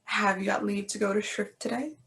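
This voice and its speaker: A woman's voice: medium pitch, fairly even intonation, fairly quick, a bit bright, lightly acted. A woman playing a sighing, grumbling old nurse. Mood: teasing. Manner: sighing, complaining, drawn out. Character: grumbling old female nurse, weary and teasing. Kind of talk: amateur Shakespeare reading.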